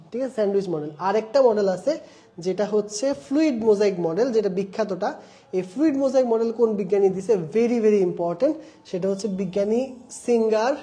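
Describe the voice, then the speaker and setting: A young male tutor with a soft, mellow tone lectures an online exam-prep class. He explains with memory tricks and little stories. He keeps repeating the key terms and quizzing his students so the answers stick. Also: sits high. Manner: explains with mnemonics and personal anecdotes.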